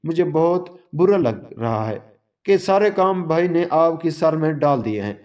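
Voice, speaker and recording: A man reading a gentle blind young man. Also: a little high, expressive, lo-fi sound, lightly acted. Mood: earnest.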